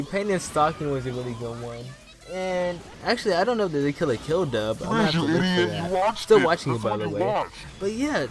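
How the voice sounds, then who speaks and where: A young man hosting an anime vlog, talking in an animated, joking, playful way to his viewers. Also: fairly high pitch. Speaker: anime YouTuber host. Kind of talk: casual vlog commentary.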